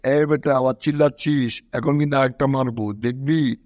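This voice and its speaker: A man's voice: medium pitch, steady tone, normal speed, a little mellow, no room sound, lightly acted. A man voicing a big, cocky male wrestler in a fan cartoon dub, taunting and gloating at his opponent.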